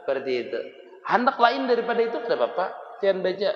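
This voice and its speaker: In a dull lo-fi recording made in an echoey hall, a man with a Banjar Malay accent speaks quickly in a high-pitched, very animated voice. He's a religious teacher giving a casual, folksy lesson, explaining things conversationally and chuckling often.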